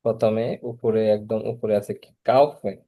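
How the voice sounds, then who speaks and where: A man's voice: on the low side, fairly even intonation, moderate pace, warm tone. A man teaching German verb conjugation in an online class, patiently repeating each form and asking students to respond.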